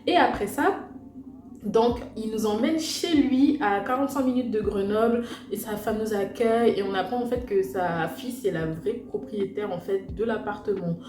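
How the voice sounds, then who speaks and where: A young adult woman from French Guiana casually tells her viewers a personal story, slangy and chatty, packed with fillers and asides. Her voice is medium-pitched at a moderate pace, with a little hiss or hum, in an echoey room with loud music playing behind her.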